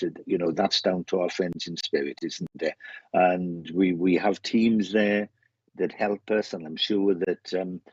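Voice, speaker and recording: Over muffled, roomy online stream audio, a Welsh man working as a medium chats loosely with viewers and says hello, rambling and repeating phrases often. His voice is deep, a little mellow, and slightly rough.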